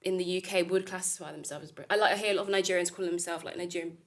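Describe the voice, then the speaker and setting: A woman's voice: on the low side, steady tone, rapid-fire. A young woman who grew up in Italy, a student, chatting thoughtfully and laughing easily on a podcast. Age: young adult. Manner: giggly, thoughtful, apologetic. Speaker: student guest. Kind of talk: casual podcast chat.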